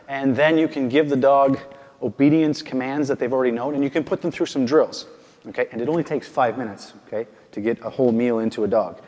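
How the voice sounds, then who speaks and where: A man's voice: mid-range voice, darkish tone, in a large hall. A male dog trainer giving a casual instructional demonstration, often checking in with "okay?" and "right?", and calling out firm short commands to his dog.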